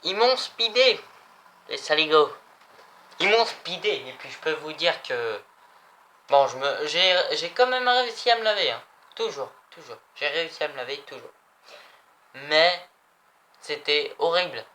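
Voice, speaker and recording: A man's voice: on the high side, very animated, normal speed, bright, forceful tone, slight background noise. A young man chatting casually in a vlog, rambling and repeating himself. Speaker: vlogger. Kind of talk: casual chat showing souvenirs.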